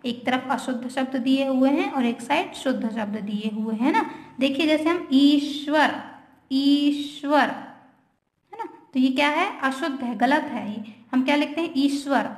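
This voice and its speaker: A woman teacher with an Indian accent, giving a grammar lesson to young students, asking questions and answering them herself and saying words over slowly. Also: high-pitched. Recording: echoey room.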